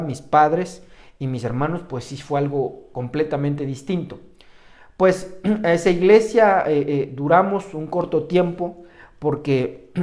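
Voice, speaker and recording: Mexican pastor with a mellow voice. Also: male voice, a little high. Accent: Mexican Spanish. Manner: hesitant, with many fillers and restarts; clears his throat often. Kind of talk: sermon and prayer. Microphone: online stream to a remote congregation.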